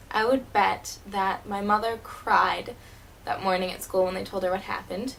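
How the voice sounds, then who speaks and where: A woman playing a wounded, wry teenage girl who was once a child stage performer, delivering a dramatic monologue in a bitter, halting way. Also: mid-range voice, gravelly, a bit bright, low-quality recording. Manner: bitter, hurt, halting with repeated words.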